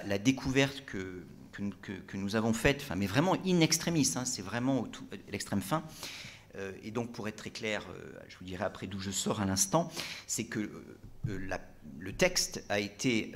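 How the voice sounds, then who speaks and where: A man giving a talk about a book in a library lecture room, hesitant and full of fillers and restarts, before reading extracts aloud. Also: on the low side.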